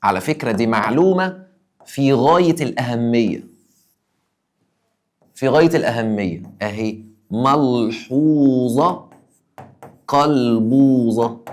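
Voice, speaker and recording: A man's voice: medium pitch, expressive, normal speed, long pauses. A young man with an Egyptian Arabic accent, a teacher giving an exam review lesson, emphatic and acting out his students' questions.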